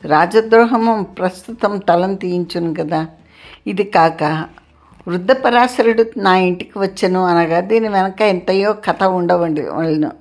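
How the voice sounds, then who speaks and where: A woman reading a classic novel aloud in a steady, formal literary manner. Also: fairly low pitch, measured pace. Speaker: audiobook narrator.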